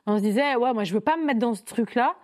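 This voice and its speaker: A woman's voice: a little high, quick pace. Chatty woman telling a dating story. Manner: lively, chatty, many fillers and quoted inner thoughts. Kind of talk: casual podcast storytelling.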